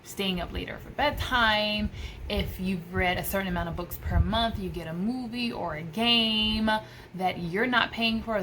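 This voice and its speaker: Speaking to camera from a small indoor room beside a window, an American woman in her thirties gives casual homeschooling tips with enthusiasm, emphasis, and repeated phrases. Her mid-range voice is a bit bright, and the poor audio carries a little hiss or hum.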